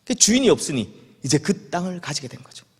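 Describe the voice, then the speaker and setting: A male pastor delivers a sermon in a church sanctuary, his pitch riding high and swinging widely as he tells the story. He slips into the voices of the people he quotes. A long hall reverb trails behind every word. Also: sing-song, a little fast, a little mellow, husky. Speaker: senior pastor.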